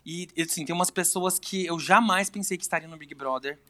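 A podcast guest chatting casually in an animated, campy way with exaggerated slang. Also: medium pitch, brisk. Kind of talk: casual chat.

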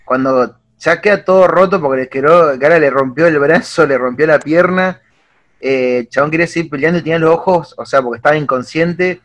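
A young man with an Argentine accent, chatting casually and retelling scenes with excitement and slang. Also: fairly high pitch, a little fast. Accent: Argentine Spanish. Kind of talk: casual chat.

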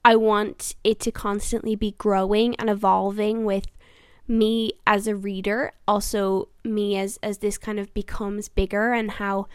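A woman's voice: mid-range voice, level tone, unhurried, clean tone, dry recording, studio quality. A woman in her twenties hosting a casual solo podcast, chatty and earnest, with lots of fillers and restarts. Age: 20s. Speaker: podcast host.

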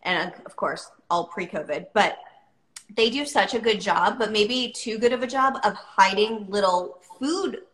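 A woman's voice: mid-range voice, a little slow, a bit bright, echoey room, low-quality recording. A woman in her thirties hosting a podcast, chatting casually and with bubbly enthusiasm. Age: 30s. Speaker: podcast host. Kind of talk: casual chat.

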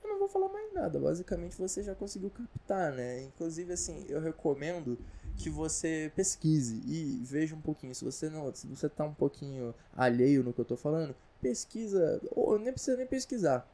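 A man's voice: fairly high pitch, expressive, normal speed, mellow. Rambling slangy Brazilian man. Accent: Brazilian Portuguese. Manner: rambling, slangy, full of restarts and asides. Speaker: vlogger. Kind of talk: comedic casual monologue.

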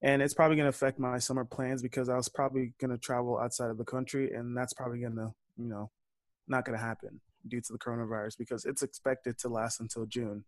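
A young man, a university student, talks fast and earnestly about his podcast in a casual interview, his medium-pitched voice barely moving in pitch. He is eager to debate, and the recording is dry.

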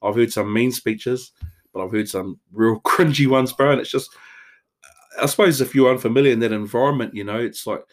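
A man's voice: medium pitch, fairly quick. A man with a Māori New Zealand accent co-hosts a podcast, chatting casually in a laid-back, slangy, matey way. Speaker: podcast co-host. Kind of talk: casual chat.

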